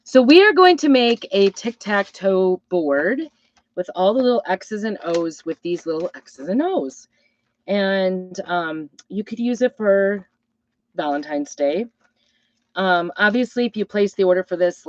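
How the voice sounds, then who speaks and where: A middle-aged woman with a hoarse, weakened voice from a hacking cough, rambling apologetically as she hosts a casual live craft demo. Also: mid-range voice, lively intonation, a little slow, no echo, lo-fi sound. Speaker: craft host and crafting product seller.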